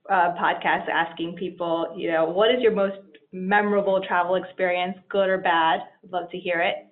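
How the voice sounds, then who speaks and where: A podcast host speaks in a mid-range voice and asks friendly follow-up questions. The sound is squeezed into a narrow, phone-like band. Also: medium pitch. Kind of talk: casual interview questions. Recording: tinny phone-like line.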